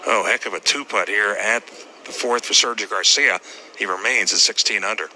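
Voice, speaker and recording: A man's voice: fairly low pitch, normal speed, sharp tone, slight background noise. A man reporting from out on the course as a golf commentator, talking through each putt and shot live. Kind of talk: live golf commentary, describing putts step by step.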